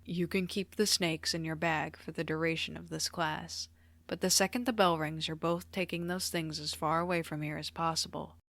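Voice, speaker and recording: A man's voice: on the high side, level tone, gravelly, a bit bright. A woman doing a weary, dry-voiced male teacher. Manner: dry, slow, tired.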